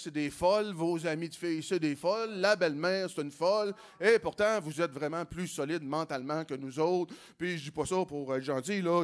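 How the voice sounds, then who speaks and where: Québécois man doing animated stand-up. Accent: Québécois French. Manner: animated, acts out quoted voices with big pitch jumps. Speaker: stand-up comedian. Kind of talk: stand-up comedy routine.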